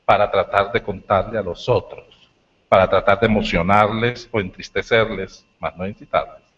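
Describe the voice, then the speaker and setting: A man giving a university lecture, telling stories with animated, shouted bits. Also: medium pitch, muffled recording. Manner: animated storytelling, shouts acted lines. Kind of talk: lecture talk.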